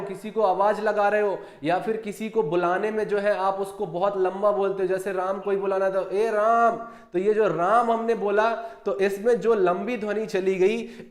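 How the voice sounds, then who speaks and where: A man teaching an exam-prep class. He asks questions, answers them himself, and repeats key terms slowly. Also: high-pitched, roomy sound.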